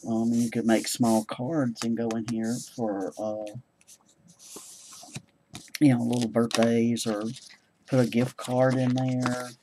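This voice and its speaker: Man, crafting vlogger; unhurried, rambling show-and-tell, warm mid-low voice. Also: flat delivery, slight background noise, rough recording. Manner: rambling, hesitant, many ums. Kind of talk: casual show-and-tell chat.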